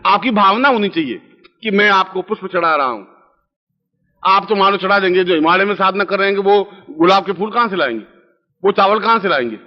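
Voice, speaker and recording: A man with a fairly high voice gives a spiritual discourse as a guru. He dictates a mantra slowly, syllable by syllable, and chants the syllables aloud. The recording is dull and lo-fi, with a long reverb trailing off in a large hall. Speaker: guru leading a mantra practice.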